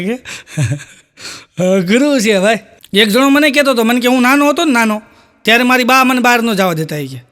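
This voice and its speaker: High, bright Kathiawadi-accented comic storyteller. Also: male voice. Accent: Kathiawadi Gujarati. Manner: rapid anecdotes tagged with repeated quote markers and a recurring catchphrase. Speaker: Gujarati folk comedian (hasya kalakar). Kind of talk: stand-up joke telling.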